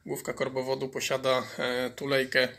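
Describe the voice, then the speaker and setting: A man's voice: mid-range voice, monotone, normal speed, creaky, a bit bright. A man restoring an old chainsaw on his workshop bench, explaining each fault as he goes, with many fillers and repeated words. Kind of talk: workshop repair commentary.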